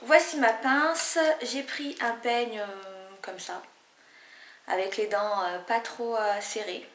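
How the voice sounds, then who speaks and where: In an echoey room, a young French Guianese woman chats slowly through an informal hair tutorial. Her voice is on the high side and a bit bright, and her talk wanders, packed with fillers and restarts.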